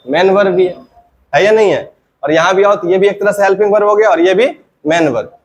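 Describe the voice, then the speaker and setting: A man teaching an English grammar lesson to a class, asking the students questions and answering them himself, and saying example sentences slowly again and again. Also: high-pitched, slight background noise.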